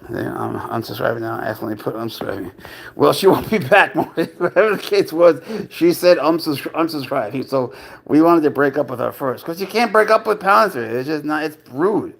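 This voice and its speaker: A man's voice: a little high, lively intonation, fairly quick, gravelly. A man hosting a casual live stream, chatting playfully and talking doting baby talk to his pet, laughing often.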